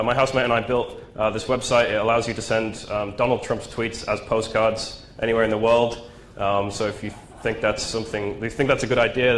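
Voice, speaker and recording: At a meetup venue, a male presenter gives a casual tech talk, his voice nasal and stuffed up from the flu, filled with ums and "right?". He speaks in a lowish, fairly bright voice against slight background noise.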